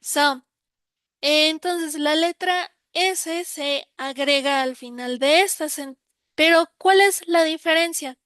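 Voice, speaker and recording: A woman's voice: high-pitched, slow pace, a bit bright, dry recording. A woman with a Mexican accent teaching English grammar in a recorded lesson, explaining step by step, repeating examples and answering her own questions.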